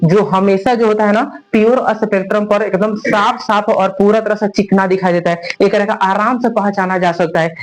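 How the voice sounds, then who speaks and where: A man with a very high voice teaches physics in with a tinge. He keeps quizzing the class and has them repeat the key terms back. He addresses his students as "babu". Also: a little mellow, poor audio. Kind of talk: classroom lecture.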